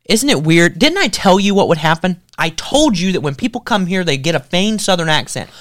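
A man with a fairly high, very lively voice, hosting a talk show with casual political commentary. He jokes and mocks freely, recorded close and dry. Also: dry recording. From American South. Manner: animated, joking, quick to mock.

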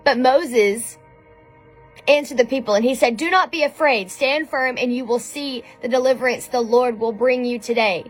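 A woman giving an informal sermon in a conversational way, often pausing with ums and restarting her sentences. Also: fairly high pitch. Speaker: speaker giving a devotional message. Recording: soft music underneath.

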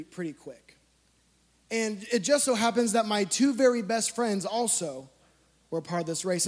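A man with a notably high voice preaches through a playful, self-mocking personal story. His delivery is animated and lively. The sound carries a long reverb from a large church hall. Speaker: youth speaker. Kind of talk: storytelling sermon.

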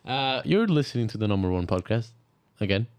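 A man's voice: on the low side, lively intonation, fairly quick, darkish tone. A young man co-hosting a podcast, crude and joking in casual chat. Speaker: podcast co-host.

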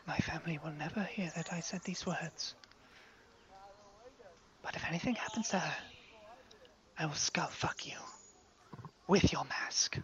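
A fiercely protective mother in a tabletop tale, leaning in close and hissing a threat in a low, near-whispered voice, as a man puts her on. The tone is bright and sharp, and the recording sounds somewhat dull. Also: measured pace, long pauses. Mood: menacing.

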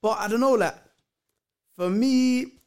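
A man's voice: extremely high pitch, takes it slowly, a little mellow, clean tone. A young man with a London roadman accent chatting casually in heavy street slang, emphatic and repeating phrases as a podcast host. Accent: London roadman, multicultural London English.

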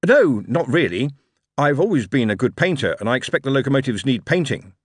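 A man voicing a plain, steady male painter who speaks slowly and matter-of-factly. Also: mid-range voice, breathy edge, no room sound, clean studio sound. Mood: earnest.

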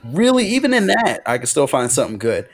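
Animated creaky-voiced male podcaster. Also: mid-range voice, fast. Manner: animated, excitable, swears freely. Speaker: podcast co-host. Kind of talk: casual podcast chat.

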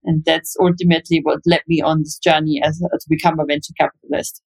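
A woman from Austria recounts her path into investing as a podcast guest. Her voice sits fairly low with a gravelly, fry-laden edge, and she speaks in a relaxed, plain manner. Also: quick pace, low-quality recording. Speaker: venture capital investor. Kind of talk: interview guest telling her background.

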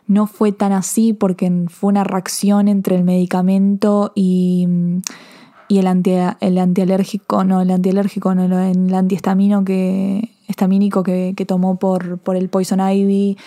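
A woman with an Argentine accent casually reviewing a TV episode, rambling and excitable, full of fillers and restarts. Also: medium pitch, a little slow. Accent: Argentine Spanish. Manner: excitable, emotional. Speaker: TV series reviewer.

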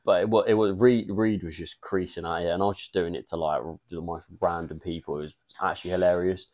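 Low-voiced young podcast lad. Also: male voice, fairly even intonation, quick pace, a little mellow. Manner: rambling storyteller, laughs often. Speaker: podcast co-host. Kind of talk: casual chat.

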